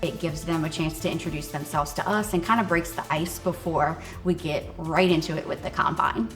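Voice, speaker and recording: A woman's voice: low-pitched, steady tone, a little fast, over loud music. A woman narrating a competition show in a matter-of-fact, explanatory documentary voice-over.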